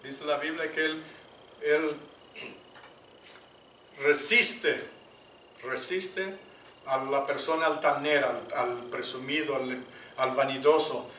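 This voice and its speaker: A man preaching a sermon as pastor, moving between loud appeals and hushed prayer. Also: medium pitch, flat delivery, moderate pace, slight background noise. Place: church sanctuary. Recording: echoey church room, mic at a distance.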